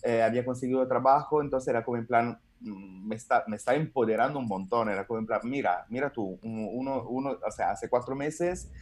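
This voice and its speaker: A guest comedian from Italy, a man in his thirties, tells his story briskly with hardly any pauses in a mid-range voice. He has an Italian accent and rambles with many fillers and restarts while chatting casually in an interview over a video call from home.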